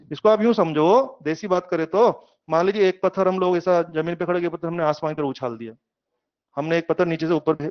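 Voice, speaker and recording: Animated male teacher, quizzing his class. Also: sits high, muffled recording. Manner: lively, asks students questions, uses homely examples. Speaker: physics teacher. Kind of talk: classroom lecture.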